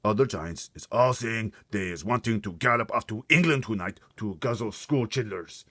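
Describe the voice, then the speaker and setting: A man's voice: fairly low pitch, animated, moderate pace, fairly bright tone, pitched above the performer's own voice. A man voicing a huge, greedy, bullying male giant for a storybook, bellowing insults in broken grammar.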